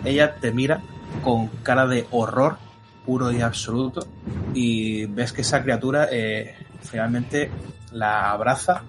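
Spanish man narrating as game master. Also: medium pitch. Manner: descriptive, steady, full of fillers. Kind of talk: narrating a horror tabletop game. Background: background music.

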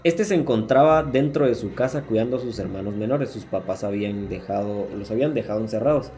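A podcast host with a Guatemalan Spanish accent retells true-crime cases in a crude, slangy, casual way, swearing and laughing. His lowish, dark-toned voice is animated and brisk, with soft music in the background.

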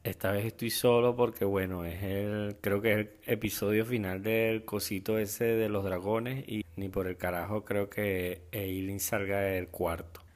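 A man's voice: lowish voice, flat delivery, unhurried, hardly any pauses. A man with a Venezuelan accent hosting a casual solo podcast, rambling and joking in heavy slang. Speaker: podcast host.

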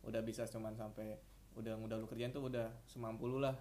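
A man co-hosting a casual chat, quick and slangy. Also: fairly low pitch, level tone, warm tone, a little hiss or hum. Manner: quick, chatty, uses slang. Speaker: podcast co-host.

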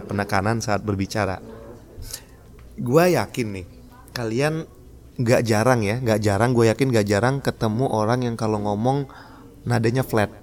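A man's voice: lowish voice, a little hiss or hum. Chatty man hosting a podcast. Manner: chatty, laughs often, demonstrates tones. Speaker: podcast host. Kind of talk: casual talk about public speaking.

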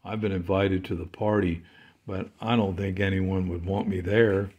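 A man's voice: deep voice, level tone, moderate pace, a little mellow. A man voicing a timid, self-conscious female goat in a storybook, bleating her words. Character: timid female goat who sneezes loudly.

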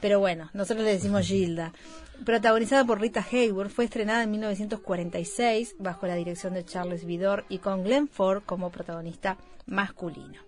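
Female film show co-host, mid-pitched, descriptive read with small hesitations. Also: fairly even intonation, fairly quick, few pauses. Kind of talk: reading film summaries and chat.

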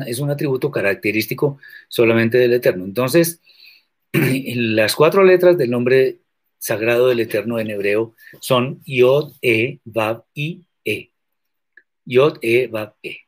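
A man teaching scripture in a measured, deliberate way, answering viewer questions and stressing points with sharp questions. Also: mid-range voice. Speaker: religious teacher.

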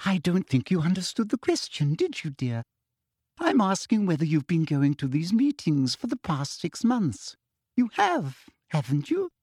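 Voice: medium pitch, huge pitch swings, a little slow, darkish tone, slightly rough, dry recording, studio quality, voice pushed up, exaggerated voice. Reader putting on a sugary, menacing official. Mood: coaxing. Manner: coaxing with falsely sweet "dear". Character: sugary, menacing middle-aged female official. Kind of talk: audiobook character reading.

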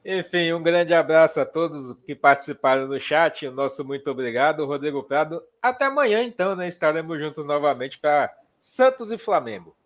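A man's voice: on the high side, lively intonation, a little fast, hardly any pauses. A man with a Brazilian Portuguese accent, hosting a sports show, signing off and teasing his colleagues in an upbeat way. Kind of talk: sign-off and announcements.

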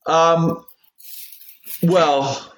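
A man co-hosting a casual remote podcast, talking with many pauses, ums and restarts. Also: fairly high pitch, fairly even intonation, fairly bright tone, echoey room. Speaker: podcast co-host.

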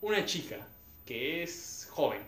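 A young Argentine man tells a story to his friends in a bright, slightly raised voice, laughing as he goes. He sounds like he is in an echoey room with a faint hum behind him. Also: a little high, slow pace. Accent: Argentine Spanish. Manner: animated, laughs through his own story. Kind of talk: casual storytelling among friends.

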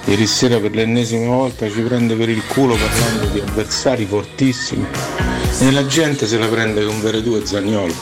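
A man's voice: lowish voice, fairly even intonation, normal speed, music in the background. A man giving opinionated, casual football talk.

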